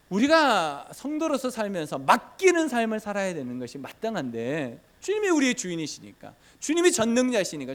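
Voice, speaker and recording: A man pastor giving a Sunday sermon in a church, acting out scenes dramatically. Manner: dramatic, acts out scenes with big pitch swings. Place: church sanctuary.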